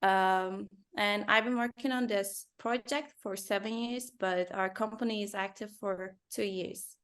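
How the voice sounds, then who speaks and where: A woman from Turkey, a company founder and designer, answering interview questions in careful English with many pauses and fillers. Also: medium pitch, fairly even intonation, a bit bright. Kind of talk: business interview.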